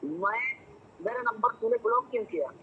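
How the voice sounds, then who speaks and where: A man's voice: high-pitched, animated, moderate pace, slightly rough. A man in a heated phone argument, combative and indignant, repeating himself over a muffled line.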